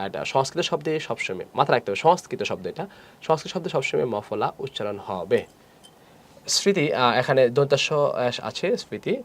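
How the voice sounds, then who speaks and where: A young male teacher gives an online grammar lesson, his pitch rising and falling widely as he talks. He keeps asking the class questions, answers them himself, and goes over each rule again.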